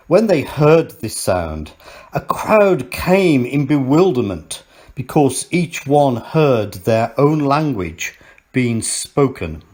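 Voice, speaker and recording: A man narrating a Bible passage in church, reading in a measured, steady way. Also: mid-range voice, no echo. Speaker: Scripture reader.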